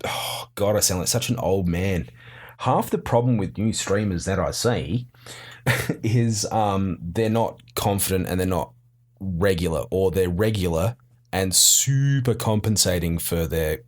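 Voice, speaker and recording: A man's voice: low-pitched, a little slow, darkish tone. A man with an Australian accent chatting casually on a podcast, laid-back, rambling and self-mocking. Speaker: podcast guest. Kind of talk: casual chat.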